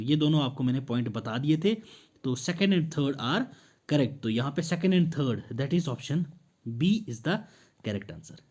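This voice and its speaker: Hindi-coaching teacher, higher voice. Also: male voice, a little mellow. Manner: addresses viewers as sir, checks in with "clear?"; mixes Hindi with English phrases. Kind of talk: exam prep lesson with MCQs.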